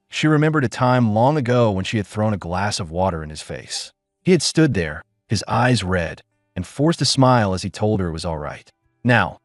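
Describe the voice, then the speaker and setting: A man's voice: lowish voice, no room sound, studio quality. A man narrating a dramatic story in a scripted, storytelling reading.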